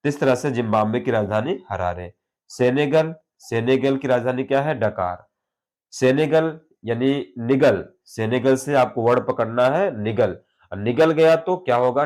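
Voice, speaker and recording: A man's voice: medium pitch, darkish tone. A man teaching an online exam-prep lesson, asking questions and answering them himself, dropping his voice on each answer.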